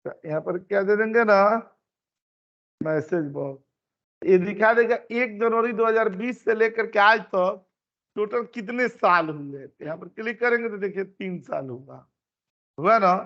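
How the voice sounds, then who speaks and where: A male instructor with a high, gravelly voice talks an online class through each step, circling back over his own phrases. The sound is dull and lo-fi, like a meeting recording from a computer mic. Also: unhurried. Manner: explains step by step, repeats phrases. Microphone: computer mic on a video call.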